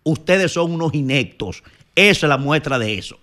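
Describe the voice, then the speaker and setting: A man's voice: fairly high pitch, animated, normal speed, sharp tone. Indignant Dominican radio commentator, man. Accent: Dominican Spanish. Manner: indignant, scolding, emphatic. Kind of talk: opinion commentary.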